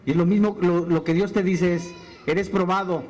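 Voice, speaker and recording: Pastor guy, super high voice, fiery preaching w lots of questions. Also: fairly even intonation, normal speed, a little mellow. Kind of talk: sermon.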